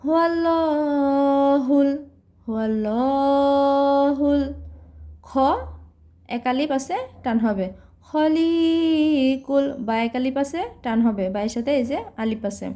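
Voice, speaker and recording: A woman teaching Quran recitation, patiently explaining pronunciation step by step and chanting each verse slowly. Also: fairly high pitch, dark tone. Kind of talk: slow recitation lesson with drawn-out chanting.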